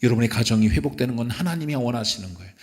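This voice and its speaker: A man's voice: mid-range voice, lively intonation, rapid-fire. A male pastor preaching a sermon emphatically, recorded in a church sanctuary. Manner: emphatic preaching, acting out quotes. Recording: echoey church hall.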